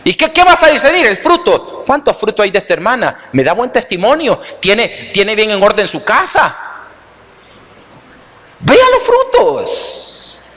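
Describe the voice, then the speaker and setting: A man with a Salvadoran accent preaching a sermon as pastor, animated and joking, often calling out to the congregation. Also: high-pitched, normal speed, few pauses. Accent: Salvadoran Spanish. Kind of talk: lively sermon. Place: church sanctuary. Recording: long reverb of a church hall.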